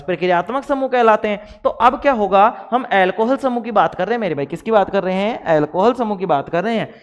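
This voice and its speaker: High-voiced man teaching in an echoing room. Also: clear, resonant tone. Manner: repeats questions and answers them himself, calls students brother; voices imagined student replies. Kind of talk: classroom lecture.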